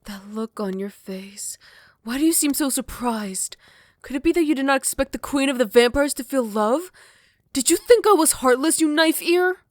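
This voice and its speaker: Voicing a jealous, possessive vampire queen in ASMR, this actress starts with intimate, gentle whispers and builds to enraged shouting. Her voice is high and lively in intonation, at a normal speed, with no echo at all.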